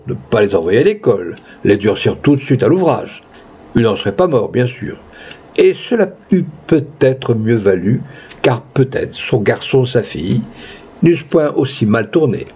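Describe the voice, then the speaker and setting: A man narrating a classic tale aloud in an expressive storytelling manner. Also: medium pitch, breathy edge, highs cut off. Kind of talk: audiobook reading of a classic tale.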